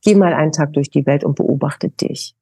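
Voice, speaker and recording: A middle-aged woman gives a podcast interview, coaching the listener in an emphatic, coaxing way. Her voice is husky and mellow and sits fairly low. It sounds close and dry. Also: moderate pace, dry recording. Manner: emphatic, coaxing advice with direct address. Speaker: naturopath guest.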